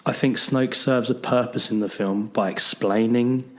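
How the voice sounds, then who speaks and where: Battling a bad cold that is taking his voice, a podcast co-host chats casually at normal speed in a medium-pitched, fairly even voice. He rambles, constantly restarting and filling gaps with ums.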